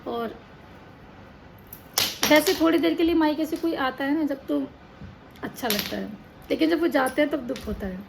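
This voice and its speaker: A woman's voice: high-pitched, moderate pace, gravelly, long pauses. A tired young woman chatting in a casual home vlog, talking indoors with children playing and crying nearby. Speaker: vlogger. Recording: noisy home recording.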